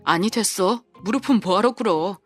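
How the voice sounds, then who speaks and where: A woman voicing a big, burly off-duty male police officer in an audio drama, speaking calmly and coldly with sarcastic questions. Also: medium pitch, moderate pace, faint music behind, lightly acted. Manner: calm, cold, sarcastic questions.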